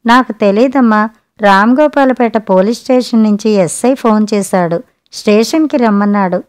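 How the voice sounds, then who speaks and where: A woman's voice: on the high side, moderate pace, a little mellow, smooth, natural voice. A woman narrator voicing an anxious elderly mother-in-law who pleads for answers.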